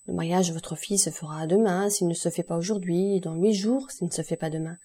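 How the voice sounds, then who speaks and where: Woman voicing a somber male prosecutor, calm and formal, low husky tone, storybook reading. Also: brisk. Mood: grave calm. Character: grave grieving male royal prosecutor, calm and cool.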